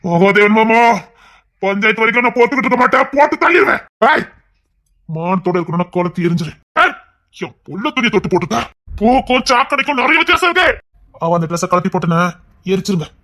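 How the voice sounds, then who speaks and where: A man voicing a stern, furious middle-aged uncle in an audio drama, shouting threats in loud outbursts. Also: high voice, expressive, fast. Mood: threatening. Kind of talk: Tamil audio drama acting.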